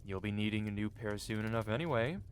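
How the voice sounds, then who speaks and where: Speaking quickly with a fairly low, lightly acted voice, this audio roleplay performer portrays a medieval blacksmith who's cocky and flirtatious yet soft at heart. The intimate ASMR scene is theatrical, teasing, caring, and earnest, with gentle hesitations, and a bit of hiss or hum is audible.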